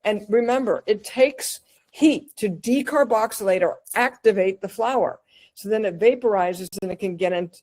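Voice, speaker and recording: A woman giving an energetic, chatty lecture over slides on cannabis wellness, asking her audience questions and acting out little scenes. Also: medium pitch, rough recording.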